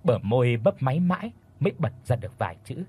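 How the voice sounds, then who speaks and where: A man's voice: medium pitch, big pitch swings, fast talker, warm tone, slightly rough. A man narrating a horror audiobook with dramatic storytelling.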